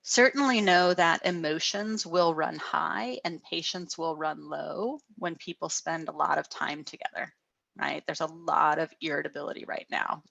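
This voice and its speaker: Middle-aged counselor lady on a video call, low slow fry-ish voice, gentle, keeps saying right?. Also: no echo. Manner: gentle, frequent "right?" tags. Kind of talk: guided wellness talk.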